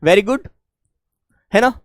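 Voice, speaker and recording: A man teaching a grammar class for exam students, warmly coaxing and asking questions that he then answers himself. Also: high-pitched, expressive, dry recording, clean studio sound. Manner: warm coaxing, calls students "beta", asks and answers his own questions; stretches key words slowly while dictating notes.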